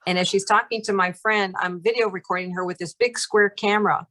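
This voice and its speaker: Brief: woman, casual storyteller, chatty and giggly, mid-pitched. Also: steady tone, brisk, sharp tone. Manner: chatty, laughs often, many "like" fillers. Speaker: group participant.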